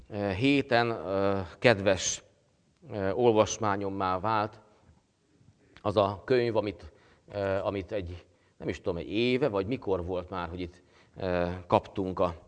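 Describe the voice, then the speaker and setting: A male pastor delivers a sermon in a somewhat low voice. He talks slowly and haltingly, pausing often and filling gaps with hesitations. His voice carries a long reverb from the church around him. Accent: Hungarian. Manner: slow, halting delivery with many pauses and fillers.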